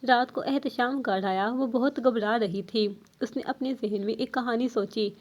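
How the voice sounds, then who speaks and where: Woman narrating a novel, slightly high voice. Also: darkish tone. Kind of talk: reading an Urdu novel aloud.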